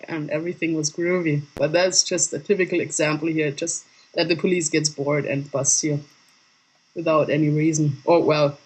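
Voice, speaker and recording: Guy on a video call telling road stories, lively and chatty. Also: a little high, low-quality recording. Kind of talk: casual anecdote telling.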